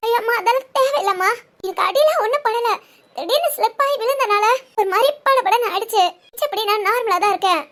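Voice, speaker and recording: A woman's voice: very high-pitched, quick pace, fairly bright tone, a little hiss or hum. A woman voicing all the characters of a village family drama, fussing and crying out in alarm. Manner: emotional, fussing, with cries of alarm.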